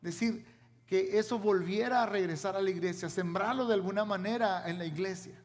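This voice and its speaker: A man's voice: sits high, fairly quick, in a large hall. A man from Mexico, a pastor, preaching a sermon and asking the congregation rhetorical questions.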